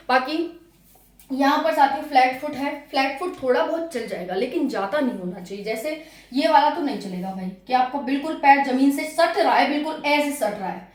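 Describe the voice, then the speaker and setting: Chatty high-voiced woman teacher, echoey room. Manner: chatty, repeats points, addresses viewers as friends. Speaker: exam coaching teacher. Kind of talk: casual classroom-style explainer.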